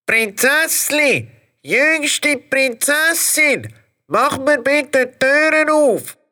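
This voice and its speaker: A small male frog, played by a performer, pleads in a sing-song Swiss German voice. The tone is bright and sharp. He speaks slowly, with a lively rise and fall. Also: high voice, full character voice. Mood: pleading. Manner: wheedling, sing-song calls.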